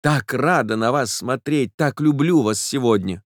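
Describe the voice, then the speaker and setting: A man reading an audiobook, voicing an excitable, tender young woman who talks quickly and exclaims often. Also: medium pitch, no echo, clean studio sound, close to an everyday voice. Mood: affectionate. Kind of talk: audiobook character voice.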